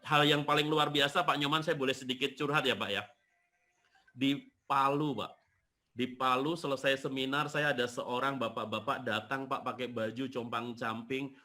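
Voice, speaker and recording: A man hosting a seminar talk, telling stories and acting out the people he quotes. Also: mid-range voice. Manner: animated storyteller, acts out quotes. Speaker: seminar host and business trainer. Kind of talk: casual seminar talk, storytelling.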